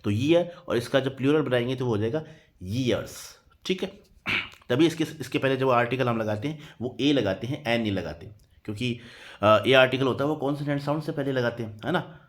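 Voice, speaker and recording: A patient man teaches an English grammar lesson at an even, unhurried pace. He spells each word out letter by letter. After every point he checks in with his students. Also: mid-range voice. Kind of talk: Hindi-medium grammar lesson.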